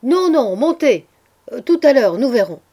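A woman reading aloud and voicing an old male farmer who calls out loud, urgent orders to his family. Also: mid-range voice, lively intonation, fairly quick, lightly acted.

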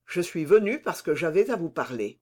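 A man's voice: fairly high pitch, very animated, normal speed. A man reading aloud and voicing a timid, plaintive, plump old prison governor. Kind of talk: audiobook reading.

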